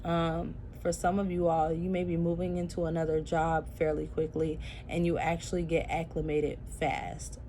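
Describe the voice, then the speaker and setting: A deep, dark-toned female voice with little pitch movement delivers a chatty tarot reading at normal speed with few pauses. The reader sounds sleepy and tired this early morning, calls her viewers "y'all," and uses many fillers. A little hiss or hum is audible.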